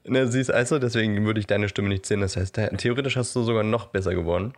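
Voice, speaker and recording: A man with a low, gravelly voice co-hosts a relaxed podcast chat. He jokes around and laughs easily between his sentences. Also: quick pace. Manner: playful, joking, laughs often. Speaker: podcast co-host.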